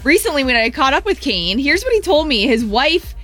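A woman's voice: high voice, very animated, a little fast, a bit bright, faint music behind. An American woman co-hosting a radio morning show, chatting and reading promos. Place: radio studio.

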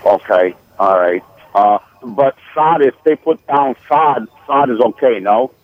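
A man calling into a radio gardening show over the phone, asking halting, hesitant questions. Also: mid-range voice, expressive, no room sound. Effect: heard over a phone line. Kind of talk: call-in question to a gardening host. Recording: tinny, dry phone line.

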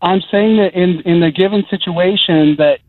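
A man's voice: high-pitched, moderate pace, no room sound. A man in his forties calling in to a radio show, defensively protesting and stumbling over his words. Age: 40s. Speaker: caller. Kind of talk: heated phone-in argument. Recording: tinny phone line.

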